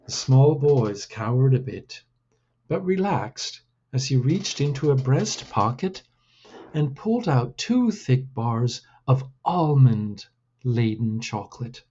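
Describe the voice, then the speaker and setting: A man reading his own storybook aloud in a deliberate, measured way. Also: mid-range voice, big pitch swings, warm tone, dull audio, slight background noise.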